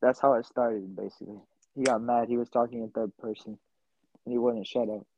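A man's voice: mid-range voice, fairly even intonation, fairly quick, warm tone, slight background noise. A young man as a podcast guest, telling stories in a laid-back way with lots of fillers. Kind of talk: casual interview. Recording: dull lo-fi mic.

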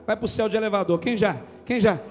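High-pitched man, Brazilian accent, lively preacher, hall reverb, faint music behind. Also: fast. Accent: Brazilian Portuguese, from Goiânia. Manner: animated, shouting, jokey and colloquial. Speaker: pastor. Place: church hall.

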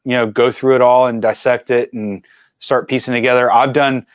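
A man in his forties, a filmmaker and mountain biker, telling stories as a guest in a casual interview with animated, chatty energy. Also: mid-range voice, normal speed, no echo. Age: 40s.

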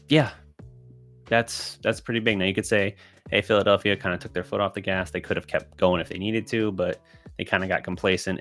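A deep-voiced man hosts a solo sports podcast, answering listener questions while thinking aloud, with restarts and fillers. His voice is a bit bright but getting scratchy and raspy.

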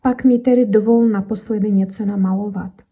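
A woman voicing a small, frightened wooden pencil that begs a mouse to let it go, speaking higher and louder as it pleads. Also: steady tone, fairly quick, slightly rough, phone-quality sound. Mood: pleading.

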